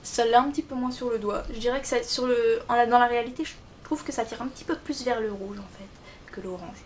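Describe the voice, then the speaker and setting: A woman with a Belgian French accent reviewing makeup in a chatty, expressive way, mixing joking asides with product details. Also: a little high, a little fast, a little hiss or hum. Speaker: beauty vlogger.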